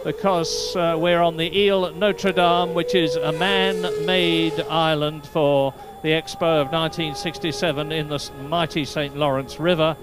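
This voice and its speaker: A man giving brisk, informative live motor racing commentary from a commentary box. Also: a little high, steady tone, over loud music. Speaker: lead race commentator. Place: commentary box at a race circuit.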